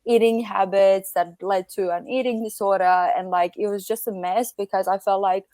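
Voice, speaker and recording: On a podcast, a startup founder from Croatia gives thoughtful, casual interview answers, leaning on "like" as a filler. She speaks at a moderate pace in a mellow, medium-pitched voice with fairly even intonation, and there's no echo.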